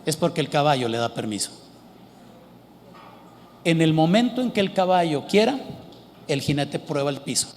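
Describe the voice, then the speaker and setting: A man preaches emphatically, putting questions to the congregation. His voice sits high for a man. A long reverb from the hall trails after his words. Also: animated, moderate pace, long pauses, a little hiss or hum. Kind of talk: sermon.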